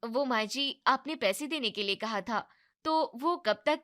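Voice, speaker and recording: A woman plays a timid young daughter-in-law in an animated family drama. Her voice sits higher than the others and stays polite and pleading. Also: unhurried.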